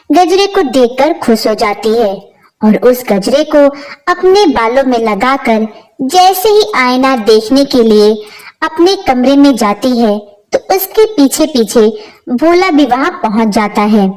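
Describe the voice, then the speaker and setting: A woman narrating a scripted storybook tale in a steady, plain way. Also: sits high, unhurried, low-quality recording.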